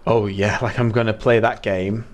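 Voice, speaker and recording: A man with a Mancunian accent, streaming a game and chatting to his viewers, excitable and dramatic, jumping from squeals to mutters. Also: fairly low pitch. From Manchester, England. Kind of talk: casual game streaming chat.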